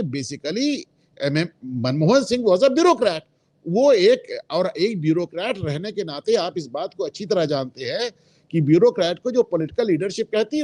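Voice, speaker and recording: A man's voice: high voice, a little mellow, no room sound. A man speaking as a guest in a political discussion, emphatic and opinionated, dropping English phrases into his talk. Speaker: guest commentator.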